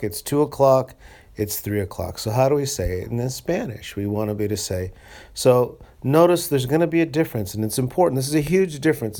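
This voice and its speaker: A man with a lowish voice gives a casual screencast lesson. He talks conversationally and slows right down to drill short phrases. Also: a little mellow. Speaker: Spanish teacher. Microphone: screencast voice recording.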